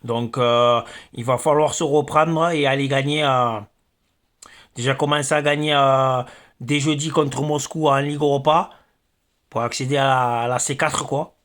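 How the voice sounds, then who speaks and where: A man's voice: medium pitch, fairly even intonation, moderate pace, fairly bright tone. A man hosting his football fan channel, ranting after a match, hesitant with many fillers and stammers. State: angry. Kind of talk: angry post-match rant.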